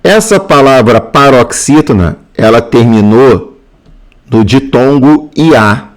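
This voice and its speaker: Man, brazilian portuguese accent, unhurried exam-prep lesson, repeats and checks in often. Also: mid-range voice, lively intonation. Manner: explains step by step, repeats key points, checks in with "tá?". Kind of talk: exam answer walkthrough lesson.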